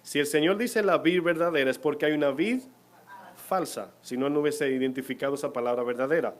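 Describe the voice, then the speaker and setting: A man's voice: mid-range voice, a little fast. A man preaching a sermon in church, putting questions to the congregation as he goes. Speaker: pastor.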